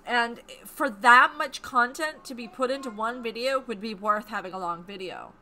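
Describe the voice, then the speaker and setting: A woman co-hosting a homesteading live stream, chatting casually and excitedly, laughing often and repeating herself for emphasis. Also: fairly high pitch, normal speed. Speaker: homesteading channel co-host.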